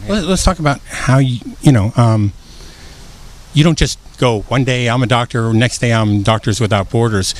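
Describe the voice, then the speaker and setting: A male host leads an interview in a chatty, friendly way. His voice sits at an ordinary male pitch, and he keeps his questions loose and conversational. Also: moderate pace.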